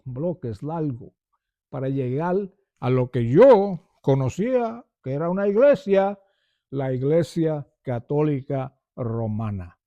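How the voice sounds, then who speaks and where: A man's voice: fairly high pitch, warm tone, no room sound. An older man giving an earnest personal testimony and calling his listeners brothers.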